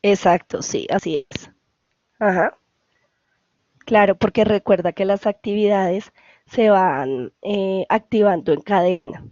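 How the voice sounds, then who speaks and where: A woman's voice: medium pitch, slow, pauses often, a little mellow, dry recording, highs cut off. A woman with a Colombian Spanish accent, an English tutor patiently explaining grammar over a video call and often checking for questions. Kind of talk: online class explanation.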